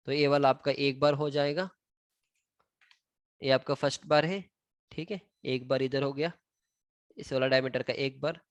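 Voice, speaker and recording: A man's voice: fairly high pitch, dry recording. A man with an Indian accent teaching civil engineering drawings. He switches between Hindi and English and counts items aloud as he points them out. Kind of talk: screen-recorded drawing tutorial.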